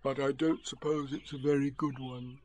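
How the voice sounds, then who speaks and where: A man's voice: mid-range voice, little pitch movement, normal speed, darkish tone, lightly acted, poor audio. A man voicing a kindly, simple-minded male teddy bear who talks hesitantly. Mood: gentle. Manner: hesitant and muddled.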